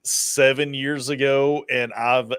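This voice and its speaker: A man's voice: medium pitch, little pitch movement, takes it slowly, a bit bright, clear, resonant tone, no room sound, clean studio sound. A man hosting a casual stream chat, laid-back, swearing and laughing often.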